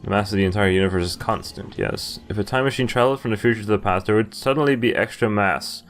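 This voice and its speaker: A young man with a lowish voice talks fast during a gaming playthrough, reading on-screen text aloud and reacting casually into a close mic. He's indoors at his computer on webcam, with game music playing behind him.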